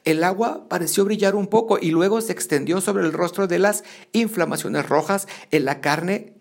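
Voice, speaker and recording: A man reads a novel aloud in a steady, storytelling voice that is gravelly with fry. His pitch sits a little high, and he restarts lines when he stumbles. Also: moderate pace. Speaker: audiobook reader.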